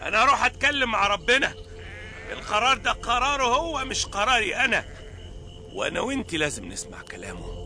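An actor with an Egyptian Arabic accent playing Abraham, an elderly patriarch, firm and commanding, turning to prayer. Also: male voice, sits high, big pitch swings, fast, over music. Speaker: actor in dubbed biblical drama.

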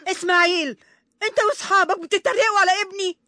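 A woman's voice: high voice, lively intonation, quick pace, pushed and bright, no room sound. An actress with an Egyptian Arabic accent playing Sarah, a protective, jealous mother who speaks insistently. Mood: sharp. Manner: insistent, pleading.

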